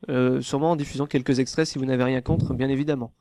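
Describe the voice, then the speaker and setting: A man's voice: mid-range voice, steady tone, fast talker, mellow, no room sound. A man hosting a casual podcast interview, talking with many fillers and restarts. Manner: hesitant, lots of fillers and restarts. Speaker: podcast host.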